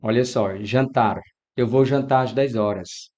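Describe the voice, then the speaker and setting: A man's voice: medium pitch, a little slow. A Brazilian man teaching an exam-prep grammar lesson, talking straight to his students and acting out their questions. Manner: lively, talks to students directly, acts out student questions. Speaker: Portuguese teacher.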